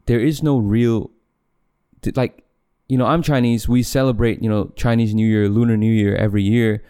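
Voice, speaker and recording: A man's voice: mid-range voice, fairly even intonation, moderate pace, dark tone, clear, resonant tone. A young man from Malaysia hosting his own podcast, rambling casually, correcting himself and laughing often. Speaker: podcast host. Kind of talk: casual solo podcast chat. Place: home room, camera set back.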